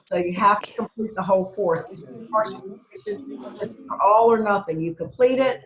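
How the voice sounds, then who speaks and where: A woman's voice: medium pitch, moderate pace, echoey room. A woman professor giving a casual university lecture over a video call, with frequent ums and self-corrections. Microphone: video call computer mic.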